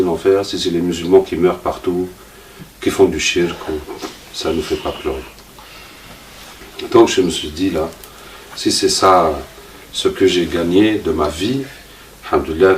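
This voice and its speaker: A man giving an informal religious talk. He tells a personal story, acts out the dialogue and asks rhetorical questions. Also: sits low. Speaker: preacher. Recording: roomy, distant mic, faint noise.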